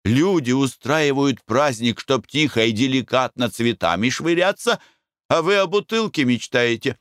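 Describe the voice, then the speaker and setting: A man's voice: mid-range voice, expressive, normal speed, a bit bright, clear, resonant tone, no room sound, studio quality, close to an everyday voice. A man voicing a prim merchant's wife who scolds the others in a proper, reproachful way.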